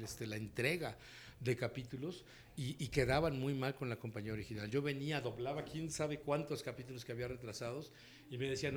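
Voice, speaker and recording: Mexican male voice actor, animated raconteur, slangy, mid pitch, faint hiss. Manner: animated storyteller, acts out quotes, laughs often. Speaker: voice actor and dubbing director. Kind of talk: relaxed interview storytelling.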